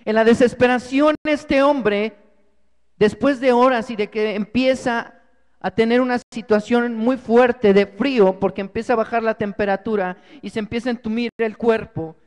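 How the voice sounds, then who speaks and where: A man pastor telling a story in a sermon, dramatic, swinging from loud to hushed. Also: extremely high pitch, clear, resonant tone. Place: church worship service. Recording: long reverb in a church.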